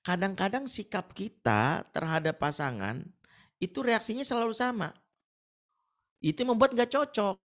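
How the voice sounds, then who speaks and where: Animated Indonesian preacher telling stories. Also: male voice, sits high, moderate pace. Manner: animated storytelling, acts out quoted voices. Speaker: ustaz speaker. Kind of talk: webinar talk on marriage. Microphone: video call.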